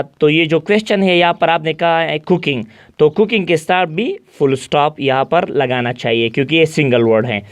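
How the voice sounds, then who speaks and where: A man teaching an English grammar lesson in a mixed Hindi-Urdu and English speech. He reads his English examples out slowly and keeps checking back with the class. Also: a little high. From Pakistan. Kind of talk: classroom lecture.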